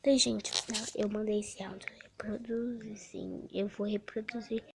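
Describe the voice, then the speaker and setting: A woman's voice: medium pitch, steady tone, a little slow, creaky, background noise. Teen girl retelling a prank in whispers. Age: young teen. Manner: breathless retelling of chat messages, often dropping to a whisper. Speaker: vlogger. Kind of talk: casual storytelling vlog.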